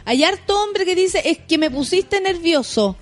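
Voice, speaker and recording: A woman's voice: very high-pitched, lively intonation, measured pace. A Chilean woman chatting casually and laughing easily, using local slang. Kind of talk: casual podcast chat.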